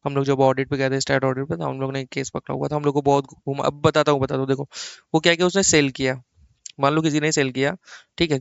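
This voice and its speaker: A man's voice: mid-range voice, vocal fry, smooth, no echo, dull audio. A man teaching an accounting class, coaxing answers with repeated questions and acting out little dialogues. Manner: playful, acts out little dialogues. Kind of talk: classroom lecture.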